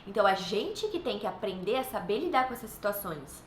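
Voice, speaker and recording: Speaking to other mothers, the thirty-something woman with a Brazilian Portuguese accent gives heartfelt, comforting parenting tips, sometimes playing silly voices for her children. It's a casual vlog in an echoey room with faint background noise, and her mid-range voice is very animated and a little fast.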